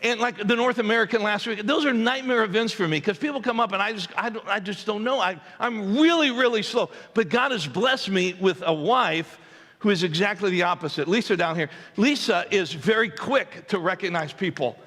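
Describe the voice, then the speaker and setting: A man preaching with a high, bright, forceful voice, spinning a self-deprecating anecdote for his congregation. His words ring out with a long reverb from the church auditorium. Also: a little fast. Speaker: pastor. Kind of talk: humorous storytelling sermon.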